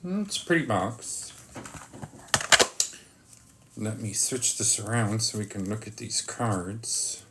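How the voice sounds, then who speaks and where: Slow, halting live stream host. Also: mid-range voice, lively intonation, background noise. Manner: drawn-out, halting delivery, breaking off to greet viewers. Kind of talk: casual live stream chat while unboxing oracle cards.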